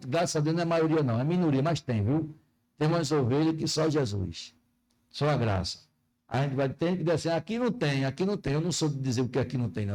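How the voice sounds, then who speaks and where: A pastor preaching a folksy sermon in church, often asking the congregation questions. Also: male voice, on the high side, a little mellow, rough recording.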